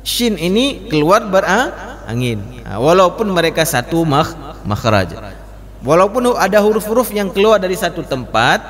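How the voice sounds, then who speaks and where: Male recitation teacher, high animated voice, long hall reverb. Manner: addresses class as Pak, demonstrates letter sounds repeatedly. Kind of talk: mosque study class. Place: mosque hall.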